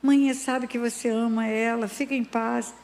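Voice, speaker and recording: A woman voicing a gentle mother who soothes her frightened son. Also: fairly high pitch, fairly even intonation, a little slow, vocal fry. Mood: soothing. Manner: soothing, reassuring.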